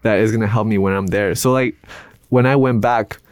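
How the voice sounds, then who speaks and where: A man's voice: on the low side, fairly even intonation, fairly quick, a little mellow, clean tone, dry recording. A young man from Bolivia, a podcast guest, chatting in an easygoing way and laughing easily. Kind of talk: casual conversational interview.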